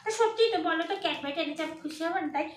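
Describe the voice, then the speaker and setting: A woman vlogger chatting casually with her viewers, animated and teasing. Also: extremely high pitch, very fast, roomy sound. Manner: animated, scolding and teasing by turns. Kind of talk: casual vlog chat addressed to viewers.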